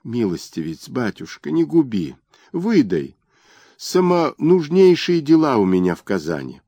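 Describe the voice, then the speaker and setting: A man voicing a fawning, bankrupt male merchant who pleads in a high nasal whine. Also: huge pitch swings, a little slow, dark tone, no room sound, exaggerated voice. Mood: pleading. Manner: groveling, wheedling.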